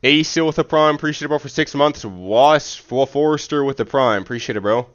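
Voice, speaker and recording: This livestreaming man has a mid-range voice and talks a little fast. He moves from reading formal text aloud into casual slang, tripping over words and fixing them as he goes, and the audio sounds slightly dull.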